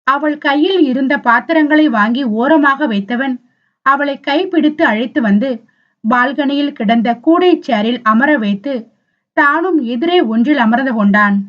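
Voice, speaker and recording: High-voiced woman narrating a novel. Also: measured pace, lo-fi sound. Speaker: audiobook narrator.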